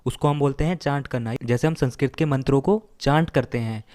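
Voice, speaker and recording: A male teacher walking learners through word roots, mixing two languages. He restates every meaning several times and checks in with a quick "right?". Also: mid-range voice, a little mellow. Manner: explains slowly, repeats meanings, asks "right?". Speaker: vocabulary teacher. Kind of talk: bilingual vocabulary lesson.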